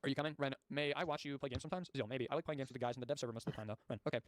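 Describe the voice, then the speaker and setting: A man's voice: medium pitch, racing, dry recording. A male streamer reading documents aloud with live commentary, often stumbling over words and breaking off into exasperated, profane asides.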